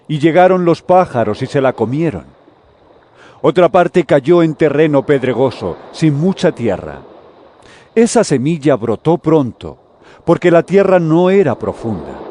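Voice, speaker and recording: An actor playing Jesus as a calm, authoritative teacher, speaking solemnly and deliberately in a dramatized audio Bible. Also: male voice, on the high side, a little hiss or hum. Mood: earnest teaching. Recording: music under the voice.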